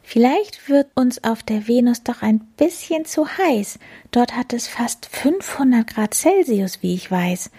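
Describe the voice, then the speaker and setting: A woman voicing a chatty, excited female cat in a children's story, breathy and high. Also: measured pace. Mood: thoughtful.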